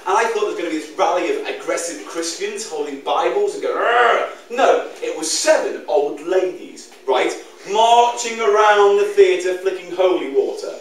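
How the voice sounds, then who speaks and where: British male comedian, high voice, deadpan storytelling, distant mic, heavy echo, faint hiss. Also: normal speed, few pauses. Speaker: co-host, comedian. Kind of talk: stand-up storytelling. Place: comedy club stage. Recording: echoey stage mic from far off.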